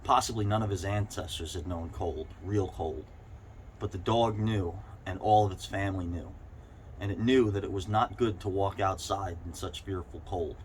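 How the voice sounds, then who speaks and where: Man, lowish voice, story read-aloud, slightly halting delivery, faint background noise. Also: fairly even intonation. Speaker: reader. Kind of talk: reading a short story aloud. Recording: clearly noisy background ambience.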